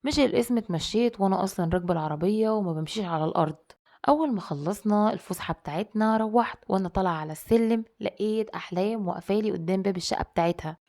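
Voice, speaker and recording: A woman's voice: medium pitch, racing, a little mellow. A woman with an Egyptian Arabic accent narrating a dramatic first-person story in a chatty, colloquial way.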